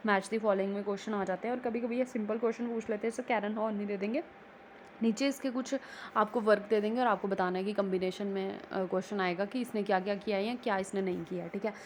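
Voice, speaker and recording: A woman's voice: mid-range voice, fairly even intonation, quick pace, a little mellow, a little hiss or hum, rough recording. A woman giving an exam-prep psychology lecture, switching between Hindi and English and asking herself rhetorical questions. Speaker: psychology teacher.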